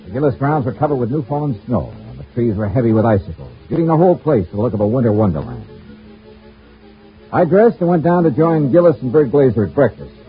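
A man's voice: mid-range voice, very animated, fast talker, soft background music, close to an everyday voice. An actor playing a wry male insurance investigator who narrates his own case in an old radio detective drama. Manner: wry, dry, hardboiled narration. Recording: tinny scratchy old radio broadcast.

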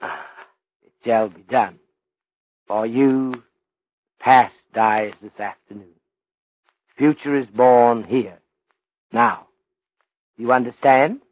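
An actor playing a courteous, stern Chinese police detective in an old radio drama, speaking in deliberate, ornate English with articles dropped. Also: male voice, medium pitch, animated, no room sound. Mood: gently respectful. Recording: dull lo-fi old radio recording.

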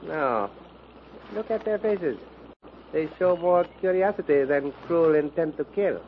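An actor playing a composed, observant expedition member, explaining in a measured way in 1930s radio drama style. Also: male voice, a little high, expressive. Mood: reassuring. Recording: dull, noisy old radio recording.

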